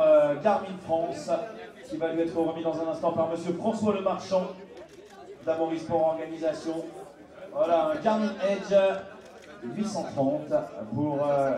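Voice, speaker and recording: A man announcing a race podium live, rallying the crowd and pausing often with hesitations. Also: fairly high pitch. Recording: echoey PA sound from far off with music and crowd.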